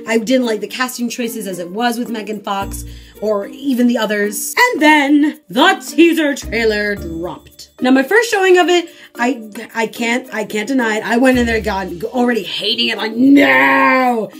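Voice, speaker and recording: A young woman vlogger giving an exasperated, sarcastic reaction rant in an animated way. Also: a little high, normal speed, faint music behind.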